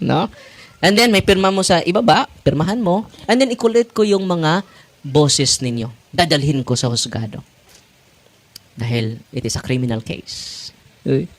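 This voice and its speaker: Priest, 40s, animated sermon with laughs, highish and very lively. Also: male voice. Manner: animated, laughing, switching languages. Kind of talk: sermon to parishioners.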